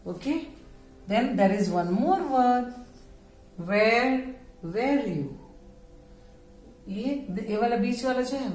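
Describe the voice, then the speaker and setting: A woman with an Indian accent teaching an English pronunciation lesson to children, repeating words slowly and carefully and switching between Hindi and English. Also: fairly high pitch, darkish tone, reverberant, low-quality recording.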